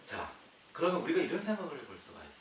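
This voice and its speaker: A male pastor preaching a sermon, posing rhetorical questions to the congregation and swinging between loud emphatic lines and quiet low ones. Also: huge pitch swings, rapid-fire. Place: church sanctuary. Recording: echoey hall, distant mic, faint hiss.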